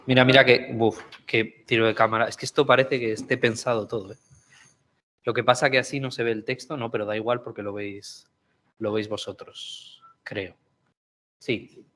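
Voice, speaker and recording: Mid-pitched man from Spain moderating informally. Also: steady tone, moderate pace, fairly bright tone. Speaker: session moderator. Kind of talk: informal, spontaneous session moderation.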